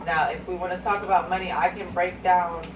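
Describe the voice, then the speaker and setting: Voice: mid-range voice, flat delivery, fairly quick, noisy background. A spiritual card reader in a casual, rambling video, talking mystically to viewers as y'all and sounding a bit congested. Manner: chatty, addresses viewers as y'all.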